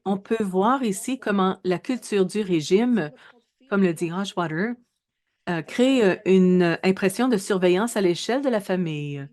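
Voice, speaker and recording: A woman in her thirties presents her research in a webinar with a medium-pitched, darkish voice. Her delivery is measured, though she often hesitates and corrects herself.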